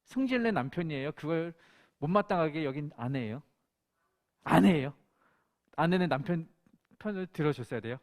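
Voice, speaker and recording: A man's voice: fairly high pitch, animated, normal speed, pauses often, a little mellow. A male pastor preaching a sermon, telling an anecdote and acting out the quotes in it. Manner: storytelling with acted-out quotes.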